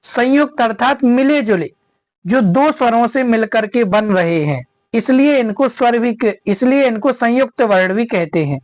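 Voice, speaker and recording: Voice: medium pitch, a little mellow, dry recording. A teacher giving a grammar lesson, repeating each definition and checking in with rhetorical questions.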